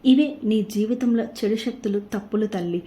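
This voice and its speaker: A woman's voice: mid-range voice, moderate pace, warm tone. A woman narrating a scripted devotional message in an earnest tone, repeatedly addressing the listener as mother.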